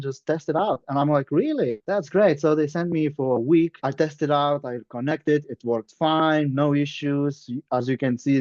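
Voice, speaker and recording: Over a video call, a man from Lithuania speaks in a chatty, plain-spoken way as a guest presenter, sharing his story as a surveyor. His mid-range voice is a little mellow, and the dry, dull lo-fi audio carries a clear Lithuanian accent in this casual webinar.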